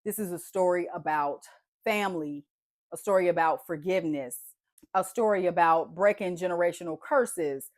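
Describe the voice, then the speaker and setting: Here a woman speaks at a moderate pace in a lowish voice that sounds stuffy and congested, recorded dry with clean studio quality. As a book vlogger, she animatedly chats about books she loved, peppering her casual review with "y'all" and "like."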